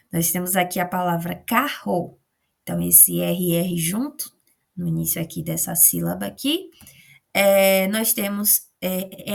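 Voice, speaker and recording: Gravelly, husky woman teacher, Brazilian accent. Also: mid-range voice. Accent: Brazilian Portuguese. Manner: slow, careful enunciation of example words. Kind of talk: remote adult-education spelling lesson.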